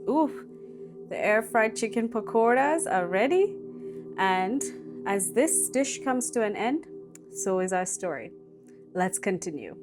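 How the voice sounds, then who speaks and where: A woman narrates a creepy tale in a slow, dramatic storytelling manner, leaning into the suspense. Her pitch sits at a middling level, and she takes her time with every line. Soft music plays faintly beneath her voice. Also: very animated. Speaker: storytelling cooking channel host. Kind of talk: reading a scary story aloud.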